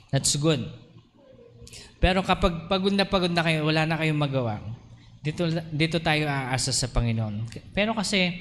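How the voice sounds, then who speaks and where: A Filipino man preaching in a fairly high voice, lapsing into English and slowing down for scripture. He acts out the voices of his congregation. His voice rings through a church hall with a long tail of reverb and a faint hum of room ambience. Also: fairly bright tone. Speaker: pastor. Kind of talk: sermon.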